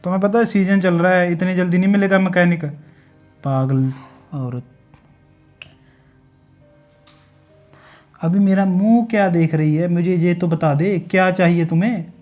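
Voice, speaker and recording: A man's voice: sits high, fairly even intonation, moderate pace, darkish tone, muffled recording, soft background music, close to an everyday voice. An actor playing an irritable young husband who snaps at his wife and refuses to be disturbed. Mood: grumbling. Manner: snapping, dismissive, rising to angry outbursts. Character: irritable young husband, sleepy, short-tempered. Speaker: actor in short film. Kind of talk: domestic drama acting.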